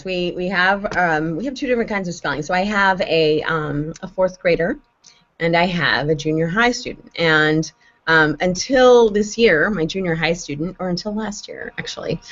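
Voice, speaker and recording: A woman chatting casually on a homeschool panel, explaining things with animated, talkative energy. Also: on the low side. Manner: chatty, animated when explaining, spells out letters. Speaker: homeschooling parent, panel host. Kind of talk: casual online panel chat. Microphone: video call. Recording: dull lo-fi video call audio.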